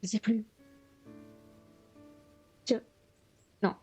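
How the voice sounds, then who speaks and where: A woman's voice: very slow, darkish tone, faint music behind. A woman streaming live as she revises vocabulary, thinking aloud and often correcting herself. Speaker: streamer studying Chinese vocabulary. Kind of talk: live-stream study session.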